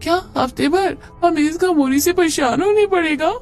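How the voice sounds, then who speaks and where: Whiny cartoon children pleading in very high voices, as a male narrator plays them. They sound sulky and insistent, with soft music under them. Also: normal speed. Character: little village boy and girl, whining.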